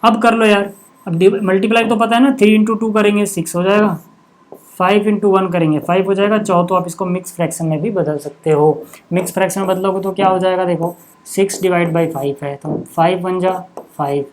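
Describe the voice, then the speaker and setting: A slightly fast, steady-toned man with a high voice gives a classroom maths lesson, explaining on the board. He stays casual and often checks understanding through brief asides.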